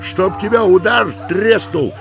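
A man's voice: low voice, fairly even intonation, unhurried, voice pushed up. A man voicing a scrawny, cantankerous old man who jeers and curses in an audiobook, with music behind. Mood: furious. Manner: jeering, cackling, abusive.

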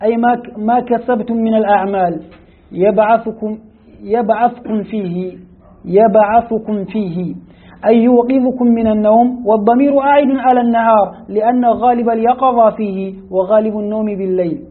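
A man's voice: very high voice, fairly even intonation, fast talker, hardly any pauses. A man reading a classical commentary aloud in a lesson, carefully, with stumbles and restarts. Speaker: student reading the text aloud. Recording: tinny phone-like lo-fi audio.

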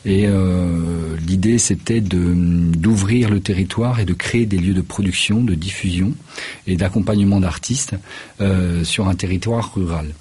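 A man's voice: sits low, unhurried, mellow, breathy edge. A man, a choreographer and festival director, answering radio interview questions in a hesitant way, with many fillers and restarts. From Paris region, France. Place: radio studio.

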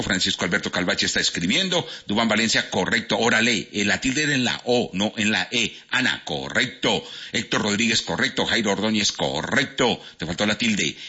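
Bright, husky Colombian radio host. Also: male voice, on the low side. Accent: Colombian, Cali. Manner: playful, reading out listener answers, stumbles and laughs at himself. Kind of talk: casual radio quiz hosting. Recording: dull lo-fi radio sound with faint music.

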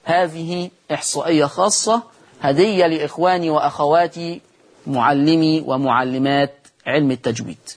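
A man with an Egyptian accent teaching Quran recitation on television, moving between quick explanation and slow, drawn-out chanted verses. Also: on the high side. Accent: Egyptian Arabic. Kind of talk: televised tajweed lesson.

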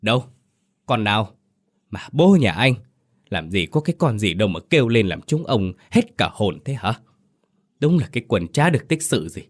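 A man's voice: fairly low pitch, animated, brisk, fairly bright tone. A man voicing a bossy, hot-tempered older male relative who barks orders and scolds in a spoken horror story. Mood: angry scolding. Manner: barking, scolding.

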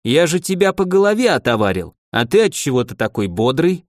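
A man voicing a cold archmage who coaxes his victim gently and without feeling. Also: fairly high pitch, very animated, brisk, no echo, studio quality. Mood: soft menace. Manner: softly coaxing, indifferent menace. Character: cold, menacing male archmage, calmly cruel.

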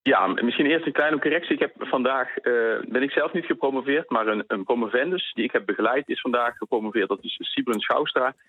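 Over a tinny, dry phone line, a man interviewed as a university researcher explains things hesitantly, filling his speech with fillers. His mid-range voice is a bit fast and breathy, with hardly any pauses.

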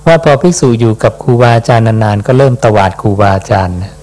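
Speaking on the low side and in an animated way, a Buddhist monk reads and explains scripture during an unhurried dhamma talk, with a little hiss or hum in the background. He finishes phrases with a soft questioning particle.

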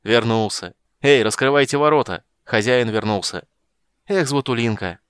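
A man voicing a hearty middle-aged merchant who calls out in a loud, booming way. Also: normal speed, smooth, no room sound, close to an everyday voice.

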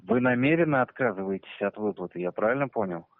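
A man's voice: lowish voice, animated, fast talker. A man working as a bank debt collector, speaking in a stiff, insistent, bureaucratic way over a crackly phone line. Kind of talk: formal phone call.

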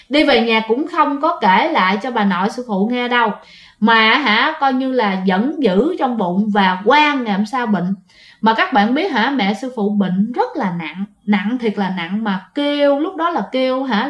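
A woman's voice: fairly high pitch, echoey room. A woman telling a ghost story casually, chatting directly to her listeners with lots of fillers.

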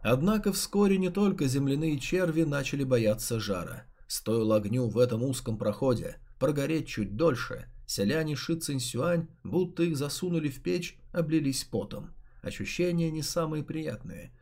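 Male audiobook narrator, husky and mellow, slightly higher voice, steady delivery. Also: moderate pace, few pauses. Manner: steady, even storytelling with occasional restarts. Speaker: audiobook reader. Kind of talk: scripted narration.

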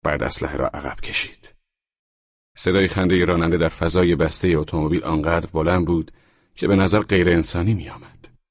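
A man narrating an audiobook in a measured, tense storytelling voice that sometimes drops to a whisper. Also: low-pitched, fairly even intonation, no room sound, dull audio. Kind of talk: scripted narration.

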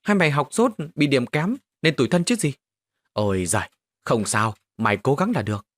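A man voicing a poor, tough boy who acts as a protective big brother, talking in a gruff, bossy way. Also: medium pitch, big pitch swings, normal speed, a bit bright, no room sound, voice pushed up.

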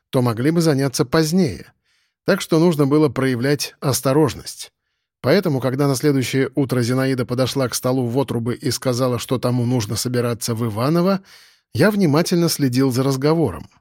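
A man's voice: medium pitch, fairly quick, darkish tone, no echo. A man narrating a first-person audiobook story in a dry, wry manner.

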